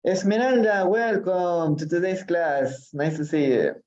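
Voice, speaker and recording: A man teaching English in a live-streamed reading lesson, reading lines slowly and explaining them in Spanish. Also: high voice, a little mellow. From Peru. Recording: dull lo-fi sound.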